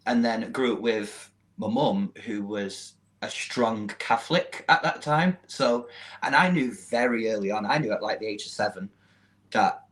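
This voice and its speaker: Chatty Mancunian man, low voice. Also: lively intonation, a little slow, fairly bright tone, poor audio. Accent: Mancunian English. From Manchester, England. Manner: chatty, laughs often, self-deprecating. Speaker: podcast guest. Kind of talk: casual chat.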